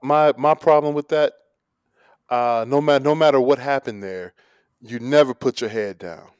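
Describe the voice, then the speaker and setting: A man's voice: medium pitch, normal speed, clean tone, no echo, studio quality. A man in casual sports chat who speaks hesitantly, restarting his phrases. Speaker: sports talk co-host.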